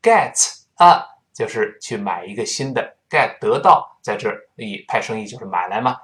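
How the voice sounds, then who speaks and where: A man teaching English pronunciation, demonstrating each sound by repeating it slowly. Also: on the low side, lively intonation, fairly bright tone.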